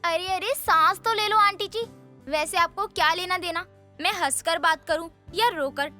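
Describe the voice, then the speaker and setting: A woman voicing a blunt, sassy young woman in an animated story, with quick retorts. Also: extremely high pitch, faint music behind. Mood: snappy. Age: young adult.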